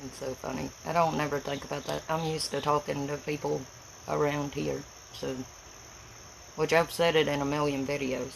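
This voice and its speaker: Gravelly appalachian tennessee woman rambling on a livestream, folksy and plain spoken, bit of background noise. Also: low-pitched, level tone, moderate pace, low-quality recording. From Tennessee, United States. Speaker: livestream host. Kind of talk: casual rambling livestream chat.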